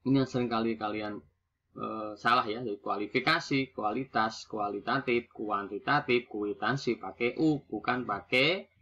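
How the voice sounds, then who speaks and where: A man teaching a lesson, reading out word pairs in slow, drawn-out drills. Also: medium pitch, pushed and bright. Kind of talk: classroom language lesson. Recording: dull lo-fi recording.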